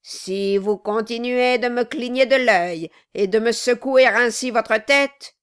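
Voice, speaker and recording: A woman voicing a violent, mocking male dwarf who shouts harsh, taunting questions in an audiobook. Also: on the high side, unhurried, clean tone, pitched above the performer's own voice. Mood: menacing.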